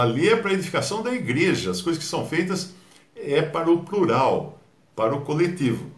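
Animated Brazilian man teaching the Bible. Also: fairly high pitch, roomy sound. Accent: Brazilian Portuguese. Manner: animated, mimics others mockingly.

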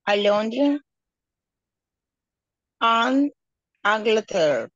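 Slow female student on a dull, dry line. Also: a little high, very animated, a bit bright, no room sound. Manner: careful, halting reading aloud.

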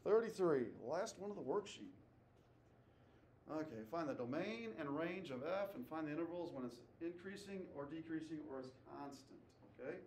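A man's voice: a little high, animated, moderate pace, darkish tone. Man, math teacher, classroom lecture, quizzes students, keeps asking okay, echoey room, distant mic, faint ambient noise. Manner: calls out questions and repeats answers, tags "okay?".

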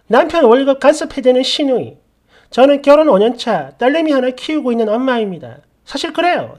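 A woman's voice: a little high, a little mellow. A woman narrating online stories and comments aloud, adding sarcastic, mocking commentary between the readings. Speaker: story channel narrator.

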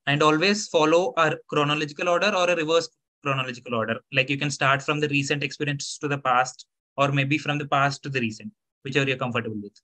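A man in his twenties with an Indian accent gives informal advice over a video call, explaining step by step in a halting, methodical way. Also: fairly high pitch, fairly even intonation, pushed and bright. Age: 20s. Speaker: student mentor sharing interview experience.

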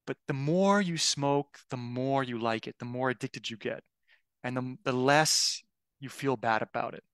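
A man's voice: mid-range voice, unhurried, a bit bright, clear, resonant tone, no echo. A man preaching a sermon in a loose, conversational way, often restarting his sentences and asking listeners "right?". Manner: conversational, with frequent restarts and tag questions.

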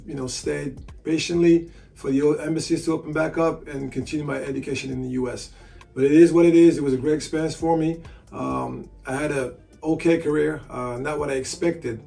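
Seated in a hotel room, a man in his forties from France, a sports agent and basketball analyst, fields interview questions in a relaxed way, often saying "you know." His voice is medium-pitched, creaky and warm, and the mic is placed at a distance.

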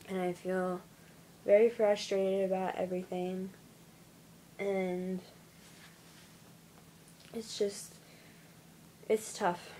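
A young woman records a casual video diary at home, sounding tired and yawning now and then. She talks slowly in a flat, even voice, stopping often with fillers and restarting her sentences. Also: mid-range voice, a little hiss or hum, rough recording. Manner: halting, with many fillers and restarts. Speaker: vlogger.

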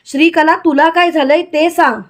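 A woman's voice: very high voice, steady tone, normal speed. A woman narrator voicing a suspicious, angry young man who presses with demanding questions.

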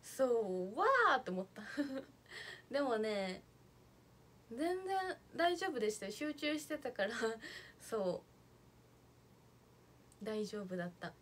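A woman's voice: on the high side, big pitch swings, takes it slowly, pauses often. A young woman chatting casually on a livestream, reading out viewer comments and thanking them as she goes. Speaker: idol livestreamer.

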